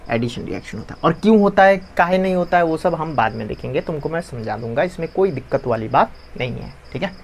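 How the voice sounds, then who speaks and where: Higher-voiced man teaching a lesson. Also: expressive, fast, creaky, hardly any pauses, slight background noise. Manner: conversational, asks and answers his own questions, repeats key terms. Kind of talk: classroom-style lecture.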